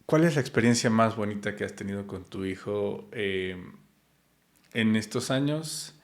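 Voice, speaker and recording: Man, podcast interviewer, lowish voice, halting curious questions. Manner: hesitant, many fillers and restarts, curious. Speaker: podcast host.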